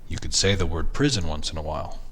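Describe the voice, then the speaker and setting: A man's voice: extremely low pitch, animated, fast, a bit bright, a little hiss or hum. A man voicing a disillusioned, cynical psychologist husband in a horror story reading, brooding and sardonic. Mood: weary, curt.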